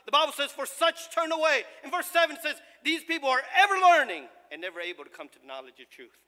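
A male pastor who grew up in the United States, preaching a sermon with impassioned, shouted emphasis and frequent stumbles. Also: very high voice, sing-song, fast. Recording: long reverb of a large hall.

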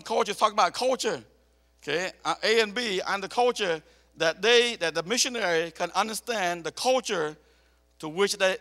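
A man born in Cambodia and raised in America, preaching as a missionary, animated and prone to repeating himself as he tells personal stories. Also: sits high. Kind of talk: sermon. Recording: echoey hall reverb.

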